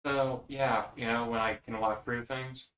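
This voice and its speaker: A man's voice: mid-range voice, little pitch movement, a little slow, fairly bright tone. Jokey cursing guy at d&d night, echoey room sound. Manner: teasing, swears freely. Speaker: player. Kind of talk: joking table banter. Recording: roomy sound.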